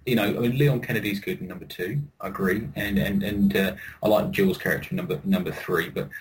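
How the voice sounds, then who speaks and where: A man's voice: sits low, fairly even intonation, a little fast, slight background noise. A man co-hosting a podcast in casual banter, laughing often and repeating himself as he argues. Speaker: podcast co-host.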